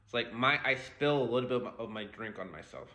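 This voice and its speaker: Young dude cohosting a podcast, bright sharp voice, laughs a lot, slangy. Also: male voice, medium pitch, lively intonation, fast. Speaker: podcast co-host. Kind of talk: casual chat.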